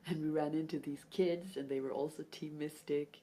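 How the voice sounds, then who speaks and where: A woman's voice: deep voice, steady tone, moderate pace, dark tone, slight background noise. A young woman chatting casually to camera at home, rambling and giggly, with English not her first language. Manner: rambling, giggly, self-deprecating. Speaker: vlogger. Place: home, sitting at a low table.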